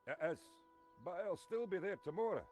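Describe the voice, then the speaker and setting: A surly evasive gate guard. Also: male voice, sits high, animated, a little fast, darkish tone, slight background noise. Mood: curt. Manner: curt, mocking.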